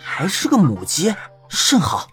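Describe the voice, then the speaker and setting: A tiny green-skinned yaksha ghost, acted by a man, with a swooping, lively voice that rises and falls as he scolds. He talks with mocking, sharp-tongued scorn in a fantasy audio drama, over faint music. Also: high voice, measured pace, exaggerated voice. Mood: gruff.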